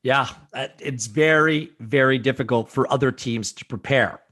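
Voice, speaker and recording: A man's voice: medium pitch, moderate pace. A man hosting a casual sports podcast, talking with enthusiasm. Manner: enthusiastic, excitable. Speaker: podcast host.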